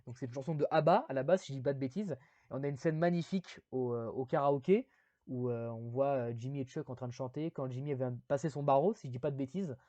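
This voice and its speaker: A man talks through a casual video review, rambling along with plenty of fillers and apologetic asides. His pitch sits at an ordinary middle level. The recording is dry and slightly dull, like a basic home mic. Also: quick pace, warm tone, no room sound. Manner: rambling, many fillers, self-deprecating asides.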